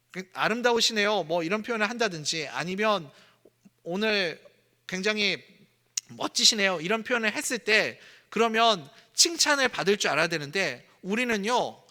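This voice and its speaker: A man's voice: sits high, pushed and bright, long reverb tail. A man preaching a sermon as pastor of a church, talking to the congregation in a conversational way and acting out quoted lines. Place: church sanctuary.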